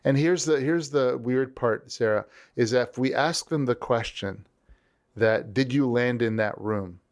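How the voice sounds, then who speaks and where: Unhurried, a man guesting on an interview as a leadership strategist tells his stories with animation. He voices the people he quotes, his pitch rising and falling a lot as he makes his points.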